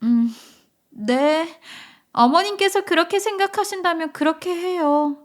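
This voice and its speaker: A woman's voice: extremely high pitch, unhurried, voice pushed up. A woman voicing a scheming young daughter-in-law in a told story, with a sugary, pleading, whiny manner. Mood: sweetly polite. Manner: sugary, pleading, tearful whine. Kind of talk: storytelling radio drama reading.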